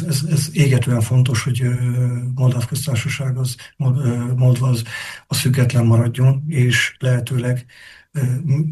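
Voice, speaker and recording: A man answering interview questions as a political analyst, speaking in a measured, explanatory way and pausing often to think. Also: medium pitch, mellow, breathy edge.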